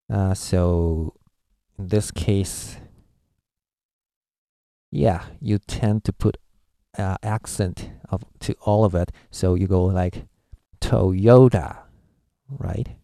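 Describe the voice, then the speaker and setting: A man with a Japanese accent walks through a language lesson in an easygoing way, pausing often with fillers. His voice sits low with a gravelly edge. The sound is dry and close. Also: no room sound. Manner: relaxed, many fillers, patient explaining. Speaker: language teacher. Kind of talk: casual spoken lesson.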